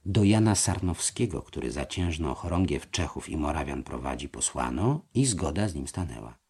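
A man's voice: a bass voice, sing-song, a little mellow, slightly rough, heavily acted. A man doing a weary old grand master. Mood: grave. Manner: sighing, measured and grave.

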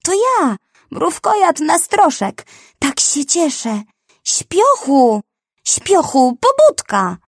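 A woman voicing a shaggy male anteater with a very high, squeaky voice. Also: very animated, slow, husky, no room sound, studio quality, heavily acted. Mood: overjoyed. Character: shaggy, timid, then overjoyed male anteater.

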